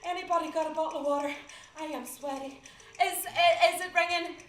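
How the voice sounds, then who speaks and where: A woman's voice: sits high, fairly even intonation, fairly quick, fairly bright tone. A woman performer urgently directing the audience in an immersive theatre show. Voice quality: urgent, commanding. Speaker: lead performer. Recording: echoey theatre.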